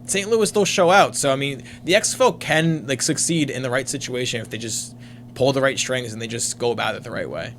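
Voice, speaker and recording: A man's voice: medium pitch, fairly quick, fairly bright tone, a little hiss or hum. Rambling man in sports chat. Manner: rambling, lots of "like". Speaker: podcast co-host.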